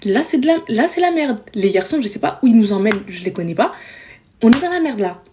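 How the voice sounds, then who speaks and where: A woman's voice: fairly high pitch, very animated, fast, warm tone, slight background noise. A young adult woman telling a story in a storytime vlog, slangy and chatty, talking straight to her viewers. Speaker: vlogger.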